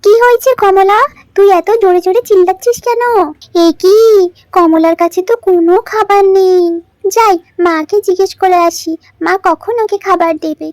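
A woman's voice: very high-pitched, moderate pace, darkish tone, no echo, studio quality. A woman voicing a chatty, fussy young daughter who complains a lot in a doll story.

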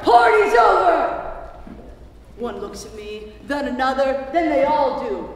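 Brash hot-tempered frontier lawman, played by a woman, high voice, slow drawl, distant echoey theater hall. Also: a little hiss or hum, natural voice. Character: rowdy, boastful male Western deputy marshal. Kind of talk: live stage play acting. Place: theater stage. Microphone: distant stage mic.

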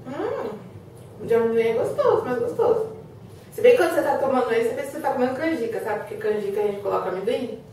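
A woman hosting a cooking demonstration, chatting with viewers and giving her helper quick asides. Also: fairly high pitch, lively intonation, warm tone, a little hiss or hum. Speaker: cooking show host. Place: kitchen. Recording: echoey room, mic far off.

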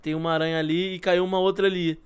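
A man hosting a Minecraft let's play, joking with a friend and yelling in panic. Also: sits high, little pitch movement, rapid-fire, smooth. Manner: jokey, shouts in panic, teasing. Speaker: gaming channel host.

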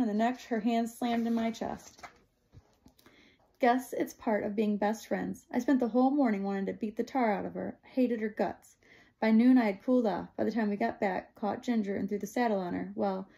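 Brief: woman audiobook reader, dark and gravelly, plain steady storytelling. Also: medium pitch. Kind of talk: first-person novel narration.

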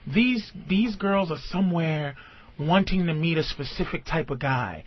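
A male radio host rants in a crude, combative way, his husky voice swooping up and down. The recording is dull and lo-fi, like old radio. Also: a little high, expressive, unhurried. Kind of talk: comedic radio talk.

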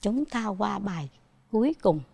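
A woman's voice: medium pitch, animated, unhurried, vocal fry, mellow, husky, dry recording. A woman with a Southern Vietnamese accent teaching a televised primary school math lesson, patiently asking her pupils questions as she goes.

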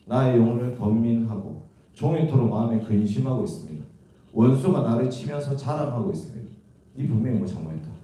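A man's voice: medium pitch, dark tone. A man teaching a Bible class, asking students questions and explaining the verses. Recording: echoey room from far off.

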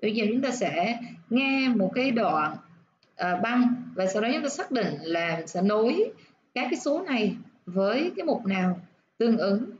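A woman teaching nursing English, explaining step by step and repeating words slowly to show where the stress falls. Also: a little high, sing-song, lo-fi sound, slight background noise.

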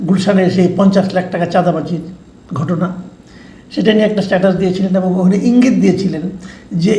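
A man delivering measured political news commentary, explaining events and reading out quotes. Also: high-pitched, darkish tone, roomy sound.

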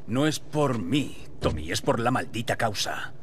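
A man voicing a hardened older brother, a gruff and pushy survivor. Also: medium pitch, lively intonation, a little slow, background noise, natural voice. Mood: insistent. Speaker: game character.

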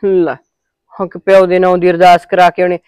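A woman's voice: lowish voice, little pitch movement, a little fast, a little mellow, clean tone, dry recording, natural voice. An actress with a Punjabi accent playing a sarcastic, scolding middle-aged mother-in-law in a village family drama.

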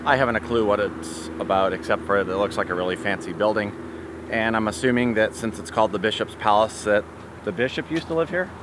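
A middle-aged man with a lowish voice narrates his travel vlog, talking straight to a camera held at arm's length. He is chatty and upbeat. Street and car noise sits clearly under him. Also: a little fast. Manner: upbeat, chatty, talks straight to the camera while walking and driving. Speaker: RV travel vlogger. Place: outdoors in a town and inside a car. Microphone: handheld camera, arm's length. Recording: noisy outdoor and car ambience.

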